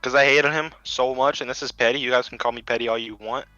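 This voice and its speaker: Young male podcast co-host, bright and punchy, profane storyteller, dry lo-fi sound. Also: medium pitch, steady tone, quick pace, no echo, faint music behind. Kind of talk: casual chat.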